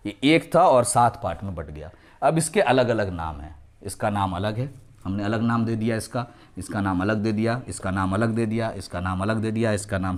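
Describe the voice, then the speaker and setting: A man teaching a children's geography lesson, mixing Hindi with English terms and slowly repeating names to drill pronunciation. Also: fairly low pitch. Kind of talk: classroom lesson for young children.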